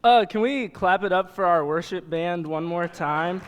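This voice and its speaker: A young adult youth pastor from Nebraska preaches informally to his congregation in a church hall, casual, joking and conversational. His voice sits high at a normal speed, and the reverberant hall recording has some chatter behind him and slight background noise.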